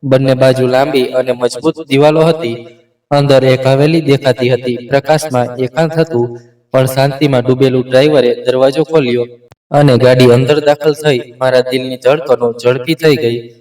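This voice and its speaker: A man narrating a scripted story in a steady, earnest way. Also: mid-range voice, normal speed. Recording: roomy echo, distant mic.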